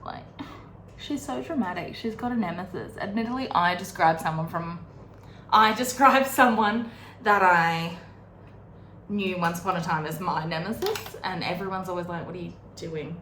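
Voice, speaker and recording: A woman's voice: on the low side, moderate pace, a bit bright. A young woman hosting a book readalong, chatting casually with lots of fillers while doing her makeup. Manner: chatty, filler-heavy, giggly. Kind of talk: casual chat recapping a novel. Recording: roomy echo, faint background noise.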